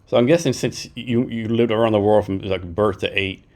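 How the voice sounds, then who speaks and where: Podcast host, male, low-pitched, quick and rambling. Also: fairly even intonation, a little mellow. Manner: chatty, rambling, tags "right?". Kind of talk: casual interview questions.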